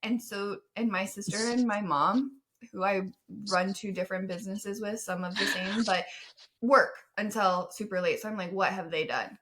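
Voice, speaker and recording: A woman's voice: medium pitch, moderate pace, fairly bright tone. A woman in her forties co-hosting a casual podcast chat, rambling and self-deprecating, laughing often. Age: 40s. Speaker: podcast co-host.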